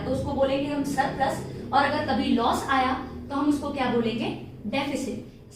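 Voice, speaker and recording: High-voiced Indian woman teaching in echoey room. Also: noisy background. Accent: Indian English. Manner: explains step by step, asks questions and answers them herself. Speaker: accounting teacher. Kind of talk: classroom lecture. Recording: echoey room, distant from mic.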